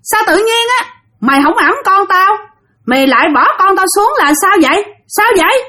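A woman with a Southern Vietnamese accent voicing a menacing female ghost mother, shrill and repeating her questions. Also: expressive, moderate pace, bright, forceful tone, full character voice. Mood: accusing.

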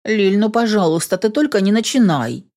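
A woman's voice: mid-range voice, lively intonation, normal speed, dark tone, voice pushed up, close to an everyday voice. A woman reading an audiobook, voicing a pleading, defiant young girl.

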